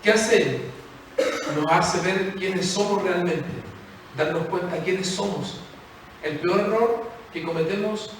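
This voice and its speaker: High-voiced preacher man in an echoey hall. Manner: impassioned preaching, rising to shouts then dropping low. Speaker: pastor. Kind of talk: sermon. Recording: echoey hall, mic at a distance, faint noise.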